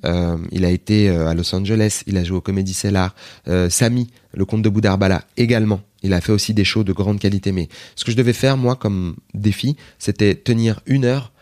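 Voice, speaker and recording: A man's voice: lowish voice, fairly quick, no echo, studio quality. A man guest, a comedian, telling a long story in a chatty, digressive way in a casual interview, quoting other people as he goes. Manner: chatty, digressive, animated retelling with quoted voices.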